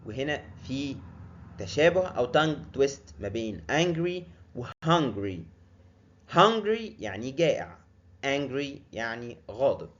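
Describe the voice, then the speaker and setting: Slow Egyptian male English teacher. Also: mid-range voice, sing-song, fairly bright tone, muffled recording. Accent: Egyptian Arabic. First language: Arabic. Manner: repeats words slowly and clearly, then explains them. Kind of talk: vocabulary lesson.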